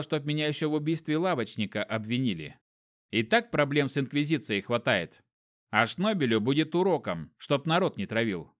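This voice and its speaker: A man narrating a fantasy novel as an audiobook reader, lively and expressive. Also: fairly high pitch.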